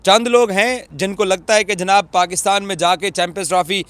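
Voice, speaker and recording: A man's voice: high-pitched, fairly even intonation, brisk, a bit bright, smooth, no room sound. A man from Pakistan giving emphatic live cricket commentary at a cricket ground. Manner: emphatic, repeats for stress.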